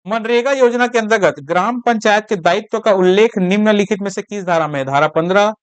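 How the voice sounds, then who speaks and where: Coughing teacher drilling exam facts. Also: male voice, sits high, brisk, clear, resonant tone, no echo. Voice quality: repeats key points, drills facts. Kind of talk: exam-prep lecture.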